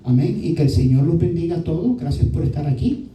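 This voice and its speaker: A man's voice: a little high, lively intonation, brisk, mellow, echoey room, far from the mic, slight background noise, low-quality recording. A male pastor preaching a sermon, often adding "¿verdad?" to check in with listeners. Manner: often adds "¿verdad?" as a tag question.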